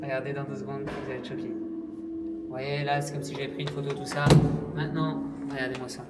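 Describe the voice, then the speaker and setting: A man's voice: medium pitch, flat delivery, quick pace, loud music behind the voice. A man chatting to viewers in a casual travel vlog, hesitant with many fillers, recorded outdoors and on the road. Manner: chatty, addresses viewers as "les gars". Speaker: travel vlogger. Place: outdoors in a city and in a vehicle. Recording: noisy outdoor vlog audio.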